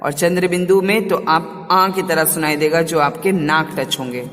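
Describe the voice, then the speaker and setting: A woman's voice: sits low, fairly even intonation, normal speed, a bit bright, soft background music. A woman teacher giving a Hindi lesson to small children, coaxing them and repeating words for them to echo.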